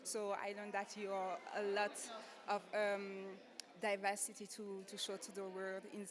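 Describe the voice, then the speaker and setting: A woman's voice: mid-range voice, completely flat delivery, a little slow. A woman pageant contestant from Senegal, answering interview questions hesitantly and often searching for words. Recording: crowd chatter behind.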